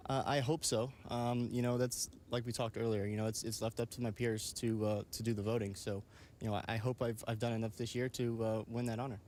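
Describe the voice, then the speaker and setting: A man, an athlete giving a live interview in a halting, modest way. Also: medium pitch, flat delivery, a little mellow, a little hiss or hum. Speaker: champion athlete being interviewed.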